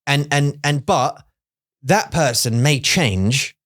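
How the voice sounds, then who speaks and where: A man's voice: medium pitch, slow pace, a bit bright. A middle-aged man co-hosting a podcast, rambling in casual chat and acting out little scenes with put-on voices. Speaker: podcast co-host.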